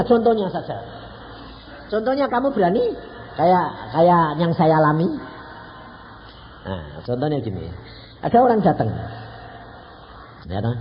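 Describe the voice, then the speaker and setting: An elderly man in his eighties with a Javanese accent, preaching a sermon and telling stories, often asking the congregation questions and acting out the dialogue. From Indonesia (Central Java). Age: around 80. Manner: lively, asks the congregation questions, acts out dialogue. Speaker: evangelist preacher. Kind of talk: sermon with anecdotes. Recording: dull low-fidelity recording with faint noise.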